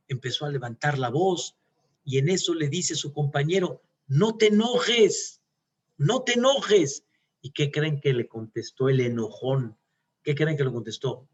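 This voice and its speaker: A man's voice: medium pitch, slightly rough. A man, a rabbi giving a sermon, telling a story and putting questions to his listeners.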